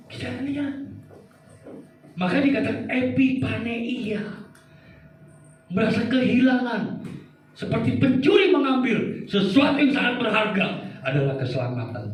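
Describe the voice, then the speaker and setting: A man preaching a sermon as pastor, swinging from low murmurs to high shouted outbursts. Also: measured pace, long pauses, a little hiss or hum. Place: church hall. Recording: echoey church hall, preacher far from mic.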